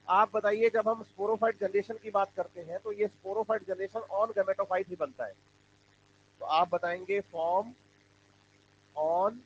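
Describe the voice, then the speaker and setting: A high-voiced man lectures a biology class, firing questions at the students and repeating the answers back to them. The recording sounds a little dull, with a faint hum underneath. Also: fairly bright tone. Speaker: biology teacher. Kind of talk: classroom lecture with call-and-response.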